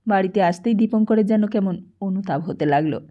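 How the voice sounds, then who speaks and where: A woman reading a novel aloud as an audiobook narrator with calm storytelling, in a dull lo-fi recording. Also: medium pitch, brisk. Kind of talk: scripted narration.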